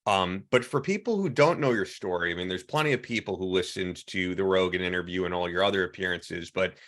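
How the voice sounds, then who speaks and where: A man's voice: low-pitched, a little fast, fairly bright tone. A man hosting a podcast, introducing his guest with enthusiastic, rambling praise and plenty of fillers. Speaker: podcast host. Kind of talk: podcast interview.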